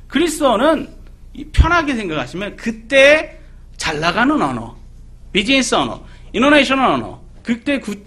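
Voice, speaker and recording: Lively, breathy male preacher. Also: high-pitched. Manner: animated, asks the audience questions; acts out quoted people in voices. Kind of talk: sermon.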